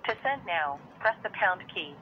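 A woman's recorded voicemail menu voice, heard over a landline phone, giving even, measured instructions. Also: on the low side. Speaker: automated voicemail prompt. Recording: tinny phone line with faint hiss.

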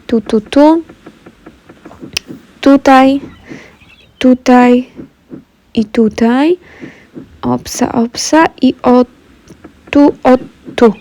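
Congested and stuffy-throated from a cold, a woman with a high, mellow voice draws out her words and pauses often while she plays. She talks right to her viewers in easygoing let's play commentary.

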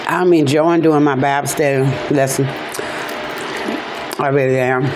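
A man chatting casually on a mukbang vlog, chewing while talking and speaking between bites in a relaxed way. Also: mid-range voice, a little slow. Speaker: mukbang vlogger. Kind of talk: casual chat while eating. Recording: noisy home recording.

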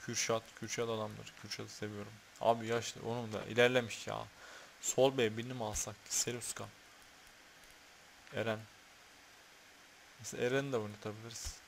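A man's voice: on the low side, little pitch movement, moderate pace, creaky, pauses often, a little hiss or hum. A man commentating on a football video game he is playing, talking to the players on screen, swearing, and getting worked up over fouls. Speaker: gaming YouTuber.

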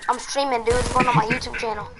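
A man's voice: very high voice, little pitch movement, fast, very noisy. A man doing a bragging boy streamer. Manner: whiny, bragging, trash-talking. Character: boastful young boy gamer streaming. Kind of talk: comedy skit.

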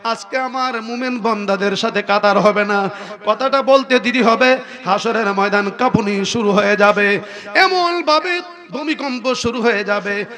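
High-voiced, wailing preacher. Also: male voice, a little slow, sharp tone. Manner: tearful, wailing sing-song delivery that rises into cries. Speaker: Islamic preacher. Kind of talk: impassioned waz sermon.

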